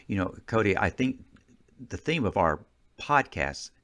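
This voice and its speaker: A man hosting a podcast, asking his guest questions in a measured, deliberate way. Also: lowish voice, very animated, a bit bright. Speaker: podcast host. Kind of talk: interview questions.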